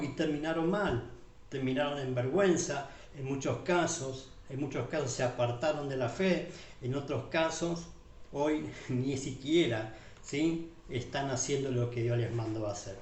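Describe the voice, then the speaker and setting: A pastor with an Argentine Spanish accent preaches a sermon in a church hall, his voice fairly high-pitched and darkish, recorded from far off in the echoey room with a little hiss or hum. He calls his listeners beloved, checks in with them often through repeated tag questions, and speaks in list-like phrasing.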